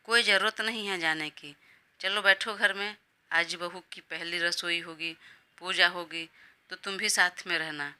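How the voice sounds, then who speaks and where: A woman's voice: fairly low pitch, fairly even intonation, a little slow, sharp tone, smooth. A woman doing a fussy, doting grandmother. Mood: scolding. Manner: fussy, indulgent scolding. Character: doting old grandmother, scolding but affectionate.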